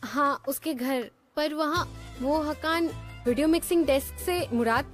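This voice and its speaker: A woman voicing a high, chatty young daughter. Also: measured pace, soft background music. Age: young adult. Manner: chatty, talks back playfully. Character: cheerful young daughter with a new job. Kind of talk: Hindi dub of a TV drama.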